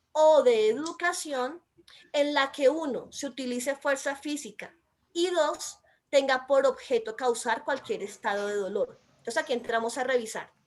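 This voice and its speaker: A Colombian woman and mother with a Colombian accent, explaining a law in an emphatic way and describing herself as loud by nature. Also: high-pitched. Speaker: mother and commentator. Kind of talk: explanatory commentary.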